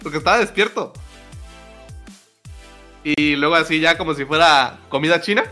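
A man's voice: a little high, normal speed, pushed and bright. A Mexican man co-hosting a podcast, retelling a grim news story in slangy, laughing casual chat, with faint music underneath. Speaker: podcast co-host.

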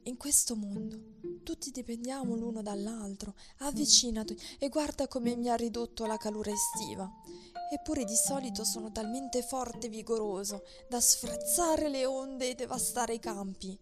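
A woman voicing a worn-out wind spirit in a storybook tale, speaking faintly in a breathy, near-whispered voice. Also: a little high, moderate pace, lightly acted. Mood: weary. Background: soft music.

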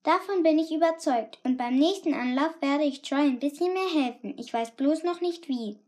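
A woman's voice: high-pitched, moderate pace, a little mellow. A woman reading a first-person story aloud in a chatty, confiding way. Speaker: audiobook narrator. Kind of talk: scripted first-person narration.

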